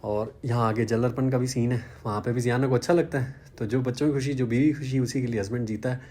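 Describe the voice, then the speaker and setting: A man's voice: mid-range voice, fairly even intonation, fast talker, darkish tone. A man, chatting casually in a vlog and poking fun at himself. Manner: chatty, self-deprecating, conversational. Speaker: vlogger.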